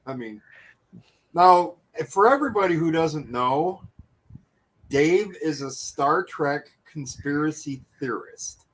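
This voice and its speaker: Swearing, joking man, a bit high. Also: animated, slow, fairly bright tone, poor audio. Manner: profane, joking and teasing. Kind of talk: casual banter.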